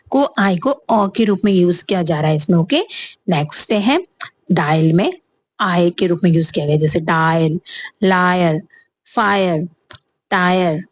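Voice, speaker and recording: A woman's voice: on the low side, darkish tone, rough recording. A woman with an Indian accent teaching an English pronunciation lesson and explaining spelling rules step by step.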